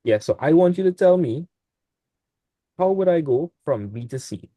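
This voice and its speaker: A man's voice: fairly high pitch, lively intonation, moderate pace, mellow, dry recording. A young man, tutoring maths in a casual online class. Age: young adult. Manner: casual, laid-back teaching with dialect speech. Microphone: video call.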